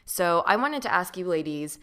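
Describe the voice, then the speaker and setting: An American woman hosting a casual podcast chat, her voice slightly hoarse and worn from a night out. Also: on the low side, animated, moderate pace, a bit bright. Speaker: podcast host.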